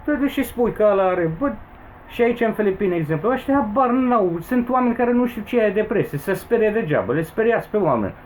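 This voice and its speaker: Romanian man in his 40s, vlogging a heated grievance, voice leaping high on outbursts, faint background hiss. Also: sing-song, rough recording. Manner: agitated, with emphatic high-pitched outbursts. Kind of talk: rambling personal complaint to camera. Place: home in the Philippines.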